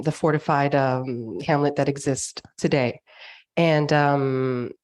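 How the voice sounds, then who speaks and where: A deep-voiced woman with a darkish tone and a Californian accent gives a slide lecture for a winery over a video call microphone, chatting along with frequent ums and uhs.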